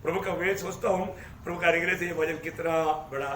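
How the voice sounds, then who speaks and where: A man preaching a sermon to a congregation, animated, calling out and rising to shouts. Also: a little high, fast talker, slight background noise. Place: church hall with congregation. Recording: echoey hall.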